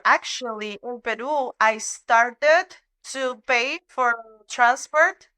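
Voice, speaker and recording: A young woman from Venezuela talks through an interview in accented English, pausing now and then to reach for the right word. Her voice sits a little high, bright and very clear, and she speaks slowly. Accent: Venezuelan Spanish. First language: Spanish. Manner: searches for English words, repeats phrases. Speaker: podcast guest. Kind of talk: conversational interview.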